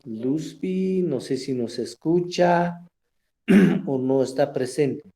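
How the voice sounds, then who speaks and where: A man teaching a language class online, explaining slowly and often checking in with his students. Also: a little high, creaky, dark tone. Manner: slow, explanatory, asks "verdad?" often.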